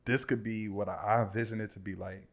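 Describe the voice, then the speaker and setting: Laid-back rapper guest, slangy and casual. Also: male voice, on the low side, steady tone, quick pace. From New York. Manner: loose, slangy, drifting between soft and loud. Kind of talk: casual chat.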